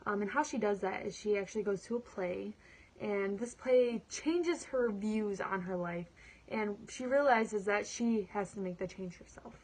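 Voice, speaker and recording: A woman's voice: mid-range voice, normal speed, a little mellow, poor audio. A woman plainly introducing a practice performance in an everyday speaking voice.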